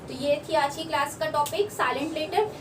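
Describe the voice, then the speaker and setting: A woman teaches a class with a high voice, explaining slowly and repeating herself so everyone follows. She sounds distant from the mic in an echoey room, with faint noise behind her. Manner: explains slowly, repeating words and checking with listeners. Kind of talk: classroom lesson.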